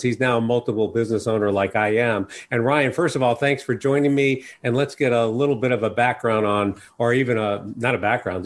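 A man from New York hosting a business interview podcast, asking his guest questions in a formal, measured way. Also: mid-range voice. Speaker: podcast host.

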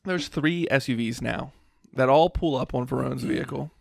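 Gravelly-voiced man in casual podcast banter. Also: mid-range voice, normal speed, no echo. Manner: laid-back, jokey banter. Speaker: podcast co-host. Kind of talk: casual movie-commentary chat.

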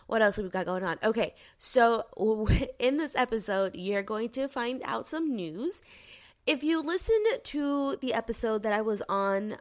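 A woman in her thirties hosting her own podcast, chatting in a bubbly, excitable way while congested. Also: mid-range voice. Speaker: podcast host. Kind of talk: casual solo podcast talk.

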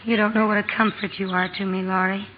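An actress in a 1940s radio drama playing a blunt, spirited young tomboy who wants to write, with an emphatic, plain-spoken way. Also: female voice, mid-range voice, level tone, fast talker, slight background noise, close to an everyday voice. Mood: sad, pleading. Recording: old lo-fi radio recording, music behind.

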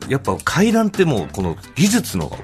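A man co-hosting a podcast, chatting casually in a quick, relaxed way. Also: mid-range voice, over music. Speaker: podcast co-host. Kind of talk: casual chat.

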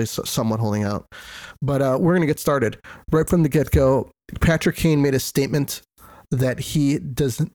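A man with a congested, stuffy-nosed sound from being sick, hosting a casual sports podcast in a halting way that repeats words. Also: medium pitch, a little mellow, no room sound. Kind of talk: casual hockey commentary.

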